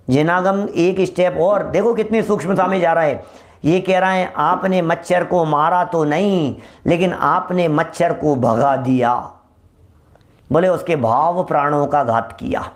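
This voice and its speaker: A man preaching a sermon, his voice sitting a little higher than most men's. He builds his points through rhetorical questions and short mimicked quotes, pressing each idea one step further. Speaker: Jain preacher.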